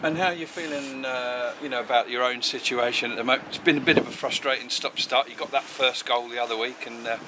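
A man's voice: mid-range voice, fairly even intonation, fast, hardly any pauses. A man interviewing a player after a match outdoors, chatty and asking leading questions. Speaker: club media interviewer. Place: outdoors at a football ground at night. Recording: wind noise outdoors.

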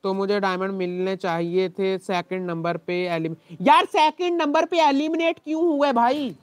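A man as a live game streamer with a Pakistani Urdu accent vents to his chat, exasperated and complaining, his throat dry from long shouting. The sound is close and completely dry, with no room around it. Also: high voice, normal speed, dry recording. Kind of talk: live gaming stream talk.

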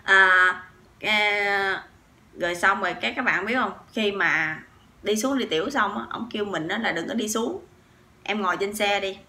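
A woman from southern Vietnam with a Southern Vietnamese accent, telling a story to her viewers in a chatty, animated way full of fillers and asides. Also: medium pitch, normal speed. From Sóc Trăng, southern Vietnam. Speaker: vlogger.

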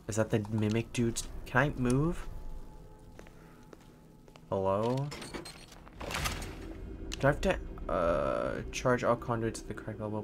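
Male horror game streamer, young, scared and jumpy, very lively intonation, sarcastic and sweary, game noise in the background. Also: fairly low pitch. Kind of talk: horror game playthrough commentary. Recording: faint-to-clear game noise behind voice. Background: horror game ambience.

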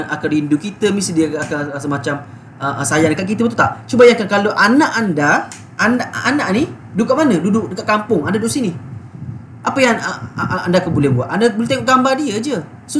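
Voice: medium pitch, slight background noise. Chatty Malaysian-accented business coach. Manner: chatty, laughs often, fervent and emotional. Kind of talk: live sales coaching talk. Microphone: phone recording.

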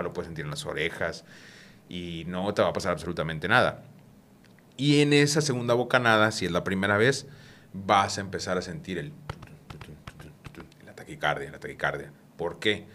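Low-voiced doctor explaining at length. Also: male voice, sharp tone, slight background noise. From Mexico. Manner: explains at length, often checks in with listener, slows and lowers voice for effect. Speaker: cannabis physician guest. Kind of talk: explanatory podcast talk.

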